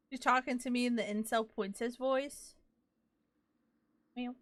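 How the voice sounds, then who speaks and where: A woman's voice: on the high side, no echo. A young woman live-streaming a game, chatting casually in a playful, giggly way and swearing now and then. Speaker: livestreamer playing a game.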